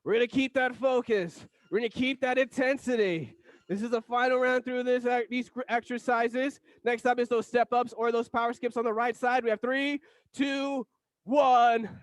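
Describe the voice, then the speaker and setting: Male aerobics instructor, very high register, driving and motivational cueing, dry sound. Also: moderate pace, no echo. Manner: energetic, motivational aerobics instructor calling out cues and countdowns. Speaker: aerobics instructor leading a workout class. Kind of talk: fitness class coaching, counted cues.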